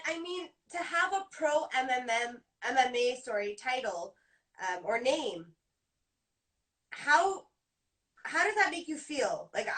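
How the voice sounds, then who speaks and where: Lady host asking long rambly questions, high voice, sounds a little far from the mic. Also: fairly bright tone. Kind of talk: casual interview chat.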